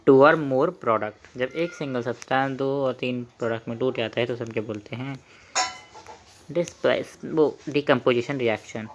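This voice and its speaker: A man's voice: medium pitch, normal speed, a little hiss or hum. Chatty male chemistry teacher. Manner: chatty, asks students questions and repeats key terms. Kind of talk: chemistry lesson while writing on a board.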